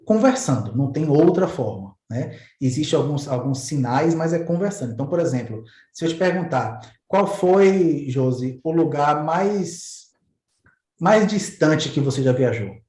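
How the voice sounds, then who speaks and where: A man explains ideas in relaxed, everyday talk and illustrates them with small stories. He often repeats a word while he looks for the next one. His voice sits a little high, and the recording sounds roomy and echoey. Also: measured pace. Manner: conversational, repeats words while searching. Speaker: host explaining neuro-linguistic programming. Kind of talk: casual explanatory talk with examples.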